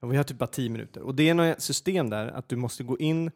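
Creaky-voiced man telling a story. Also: medium pitch. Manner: animated, many fillers and restarts. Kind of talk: casual storytelling.

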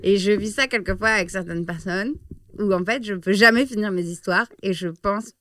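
A woman's voice: mid-range voice, fairly quick, pushed and bright, no room sound, clean studio sound. A woman co-hosting a podcast in casual chat, talkative, speeding up so she is not interrupted. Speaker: podcast co-host.

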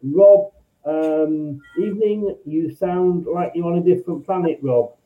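A man's voice: a little high, unhurried. A man hosting a football fan live stream in a chatty, rambling way, his voice muffled as if heard through a wall. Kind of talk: casual live chat. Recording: muffled, echoey, phone-like sound.

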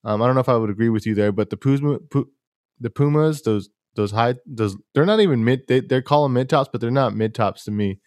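A young man hosting a casual sneaker podcast, talking in a rambling, laid-back way with a fairly monotone voice. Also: medium pitch, a little fast, no echo, clean studio sound. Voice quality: self-described monotone voice. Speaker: podcast host.

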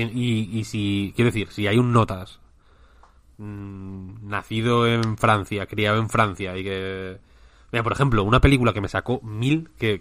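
A man's voice: lowish voice, a bit bright. A man with a Spanish accent, co-hosting a casual chat and rambling with many restarts. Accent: Spain. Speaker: podcast co-host.

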